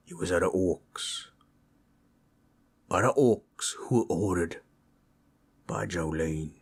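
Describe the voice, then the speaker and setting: A man voices a comforting, gentle male orc, a rough-spoken keeper of old-lore stories, with an exaggerated, very low voice. Unhurried in this intimate roleplay audio, he soothes the listener in husky, plain, rustic, ungrammatical speech.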